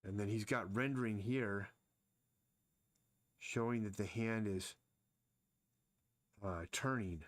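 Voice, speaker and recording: A man's voice: lowish voice, takes it slowly, long pauses, no echo. A man casually thinking aloud as he sketches and explains anatomy during a live drawing stream. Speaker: artist streaming his drawing.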